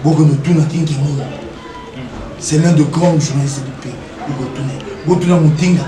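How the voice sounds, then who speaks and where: A man speaks in a rather high voice, emphatic and fond of repeated rhetorical questions. He sounds distant from the microphone in a roomy, echoing space. A crowd murmurs behind him. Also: steady tone, a little fast, music in the background. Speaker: interview guest. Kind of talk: animated interview talk, mixing French and Lingala.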